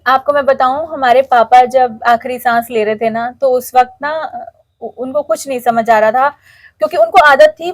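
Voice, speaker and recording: Middle-aged woman, high voice, dry close sound, heartfelt devotional testimony, emotional storyteller. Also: no echo. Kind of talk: emotional spoken testimony to a congregation.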